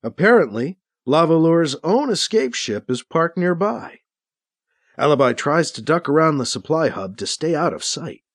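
A man narrates a science-fiction audiobook in a steady, storytelling manner. His voice sits a little high for a man. The pitch moves in a lively, animated way through each sentence. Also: moderate pace, no echo, clean studio sound.

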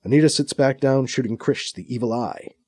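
A man reading audiobook narration in a low, even manner. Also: fairly quick, dry recording, clean studio sound. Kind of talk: scripted narration.

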